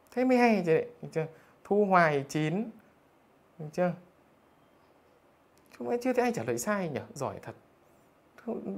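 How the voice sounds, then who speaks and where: A male math teacher, reading out students' scores in a live online lesson in a teasing, jokey way. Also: high-pitched. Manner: teasing, jokey, keeps asking "được chưa?".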